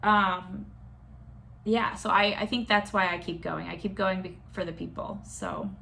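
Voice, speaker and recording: A woman's voice: medium pitch, steady tone, unhurried, vocal fry, bright, forceful tone, a little hiss or hum. A young adult woman, a nurse practitioner, talking candidly and casually to a school class, with many fillers and restarts.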